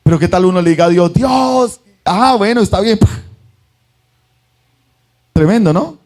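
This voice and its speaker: High-voiced, lively preaching pastor. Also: male voice, unhurried, faint music behind. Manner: animated, acts out the voices of the story; asks the congregation "¿sí o no?". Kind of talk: sermon.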